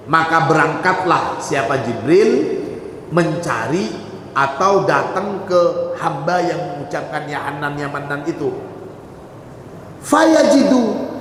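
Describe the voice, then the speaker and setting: A man's voice: sits high, a bit bright, a little hiss or hum. A man teaching a religious text to students, reading out Arabic phrases and explaining each one in turn. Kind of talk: kitab study sermon. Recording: echoey hall with long reverb.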